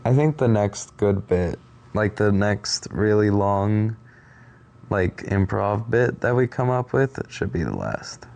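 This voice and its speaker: Low gravelly sarcastic young man. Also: takes it slowly. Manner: sarcastic, mocking, deadpan jokes. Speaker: co-host reacting to a video. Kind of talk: casual reaction commentary.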